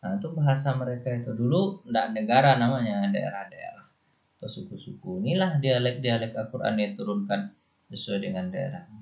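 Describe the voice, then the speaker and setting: Man teaching in a low voice, lo-fi. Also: fairly quick, vocal fry. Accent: Indonesian. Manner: explanatory, loose and conversational, with frequent "ya" and "nih" asides. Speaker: Islamic studies teacher. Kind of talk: classroom lecture. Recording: dull lo-fi lecture recording.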